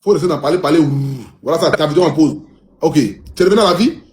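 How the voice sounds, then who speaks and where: Guy hosting a live call, high voice, talks fast, teasing and bossy. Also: darkish tone. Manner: bossy and teasing, repeats himself quickly. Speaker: live stream host. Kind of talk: casual live video call.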